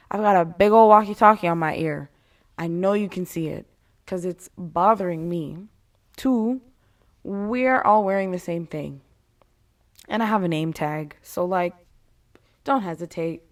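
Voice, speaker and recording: A woman's voice: medium pitch, moderate pace. Blunt, casual woman talking candidly. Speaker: retail worker giving advice to customers.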